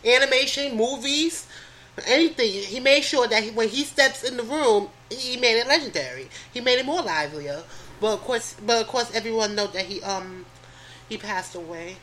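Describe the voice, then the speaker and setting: A woman co-hosting a podcast in casual chat, speaking haltingly with many ums. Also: a little high, bright, forceful tone. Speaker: podcast co-host.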